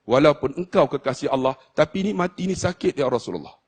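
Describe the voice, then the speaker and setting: A man voicing a sorrowful archangel in a sermon, speaking slowly and mournfully. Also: on the high side, animated, husky. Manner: slow, mournful. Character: sorrowful male archangel, grave and tender.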